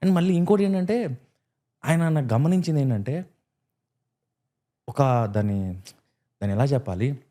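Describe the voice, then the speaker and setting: A man guest on a casual podcast chat, telling lively stories and acting out the lines he quotes. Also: medium pitch, normal speed, pauses often. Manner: animated storyteller who acts out quoted lines. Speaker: guest actor.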